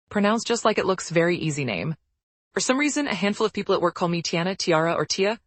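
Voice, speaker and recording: A woman narrating forum posts aloud in a brisk, even storytelling read. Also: on the low side, no echo.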